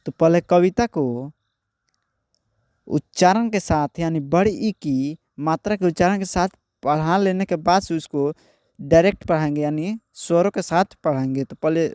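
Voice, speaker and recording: A man's voice: on the high side, darkish tone, clear, resonant tone, no room sound, studio quality. A man teaching children to read, going word by word and spelling out syllables, then asking who did what. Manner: slow, word-by-word with repeated questions. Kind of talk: children's Hindi reading lesson.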